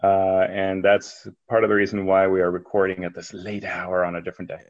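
A man co-hosts a podcast in casual chat. His pitch is fairly low, and the recording sounds a little dull and lo-fi. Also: monotone, brisk. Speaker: podcast co-host.

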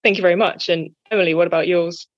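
A woman's voice: fairly low pitch, steady tone, fast, no echo. A woman hosting a podcast in a conversational way. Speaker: podcast host, finance strategy head. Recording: dry, slightly dull audio.

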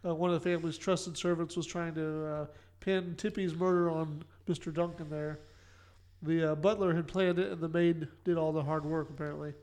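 A man's voice: fairly high pitch, flat delivery, moderate pace, darkish tone. A man casually recapping a sitcom episode for a podcast, filling his summaries with "uh" and "kinda". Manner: summarizes plot with many fillers and "kinda". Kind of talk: casual chat.

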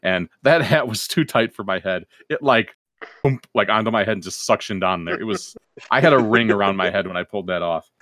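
Joking, lower-voiced man. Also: fairly quick, dry recording. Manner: joking, animated storyteller. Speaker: podcast co-host. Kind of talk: casual chat.

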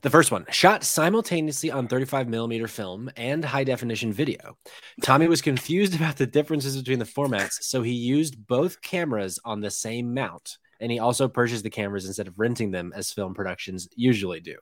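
A man's voice: medium pitch, brisk, no echo, clean studio sound. A man co-hosting a podcast, sharing film trivia in a wry, rambling casual way. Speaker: podcast co-host. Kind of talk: casual comedic trivia chat.

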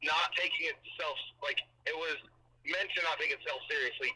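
A man's voice: a little high, normal speed, pushed and bright, husky, low-quality recording. A man calling in on speakerphone, chatting casually and teasingly arguing his point. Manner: playful, teasing disagreement. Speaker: phone caller. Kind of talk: casual chat.

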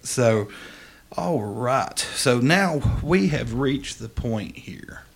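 Gravelly man, podcast co-host. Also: mid-range voice, animated, very slow. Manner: jokey, mock-serious. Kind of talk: casual banter.

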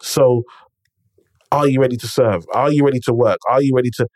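A man speaks at a medium pitch in a steady, slightly mellow tone and a fairly quick pace, recorded clean in a studio with no echo. With an urban London roadman accent full of multicultural slang, he tells stories and offers motivational advice, emphatic and conversational, repeating phrases and checking in with the listener.

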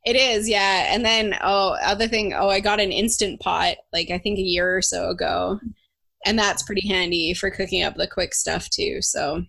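A woman's voice: medium pitch, fairly even intonation, normal speed, creaky, pushed and bright. A woman chatting casually as the host of a podcast. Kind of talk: casual chat.

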